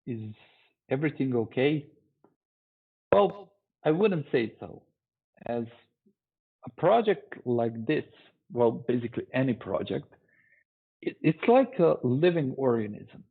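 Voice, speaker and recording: A man presents a conference talk at an unhurried pace, his voice slightly husky. He speaks in a measured, deliberate way. The audio is narrow and tinny, like a phone line. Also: medium pitch, lively intonation. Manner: measured, deliberate delivery with pauses. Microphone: online talk stream.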